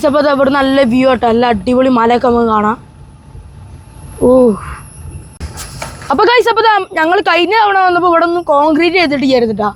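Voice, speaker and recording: Female travel vlogger, high voice, Kerala Malayali accent, Malayalam-English mix, casual and enthusiastic chat to camera. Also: expressive, fast talker, pauses often, a little hiss or hum. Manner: Malayalam mixed with English words; repeats enthusiastic filler phrases, addressing viewers. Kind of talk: casual vlog chat to viewers.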